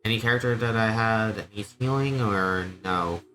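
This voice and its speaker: A man streams a video game, muttering casually and thinking aloud as he plays, with game music running behind him. His voice is lowish and a bit bright, at a moderate pace.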